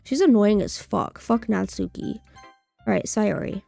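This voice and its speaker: Very creaky, blunt woman game streamer. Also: mid-range voice, unhurried, mellow, faint music behind. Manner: blunt, sweary, sarcastic asides. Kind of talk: casual playthrough, reading aloud and commenting.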